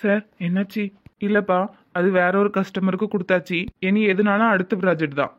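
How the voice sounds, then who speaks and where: A woman voicing an older male company boss in a cartoon, gentle and fatherly, with a Tirunelveli Tamil accent. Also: medium pitch, steady tone, a little fast, natural voice. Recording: muffled lo-fi audio.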